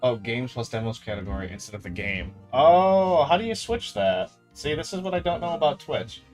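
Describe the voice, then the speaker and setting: A man's voice: medium pitch, sing-song, moderate pace, darkish tone, soft background music. Playful man commenting on a game. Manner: playful, jokey, laughs often. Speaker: let's play host. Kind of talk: casual gameplay commentary, reading dialogue aloud.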